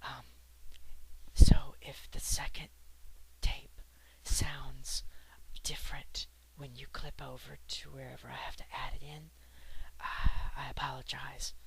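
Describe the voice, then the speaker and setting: A storyteller reading old legends in a soft ASMR whisper, breathless, with chatty asides full of fillers. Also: medium pitch, level tone, slow pace, vocal fry, rough recording.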